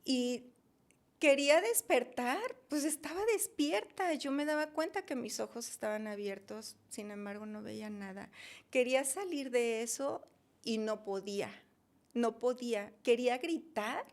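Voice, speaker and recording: A woman's voice: on the high side, a little slow. A woman, a podcast guest giving an emotional personal testimony and acting out her own pleas.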